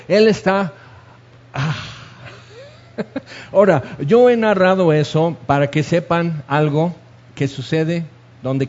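A man preaching a sermon, telling stories in an animated way and acting out the scenes. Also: fairly high pitch. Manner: animated storytelling, acts out scenes. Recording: dull lo-fi recording.

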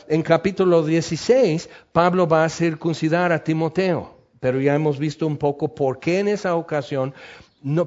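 A man's voice: fairly high pitch, a little mellow, muffled recording. A man preaching a sermon as pastor, talking in a loose conversational way with many fillers.

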